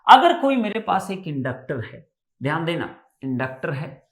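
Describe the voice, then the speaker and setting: A man's voice: on the high side, big pitch swings, measured pace, gravelly, echoey room. A man with an Indian accent teaching a live online exam-prep class, often repeating points and checking that students have understood.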